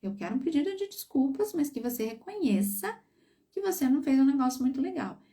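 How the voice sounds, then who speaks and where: Far from the mic, a woman psychologist speaks a little fast in a high, sing-song voice on a live stream. She gives parents warm, coaching advice and checks that listeners follow.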